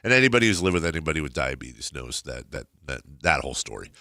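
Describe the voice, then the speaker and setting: A middle-aged man hosts casual talk radio in a very deep voice with a strongly nasal, stuffed-up sound. His tone is bright and punchy, in a dry, close studio sound. He rambles, repeats his words and readily makes fun of himself. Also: sing-song, fast, no echo. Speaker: radio talk show host.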